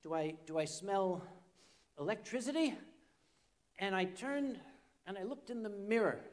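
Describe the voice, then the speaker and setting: A man's voice: high-pitched, expressive, measured pace. An older man telling a comic story on a convention stage, rambling and self-mocking with humorous asides. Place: convention stage before an audience.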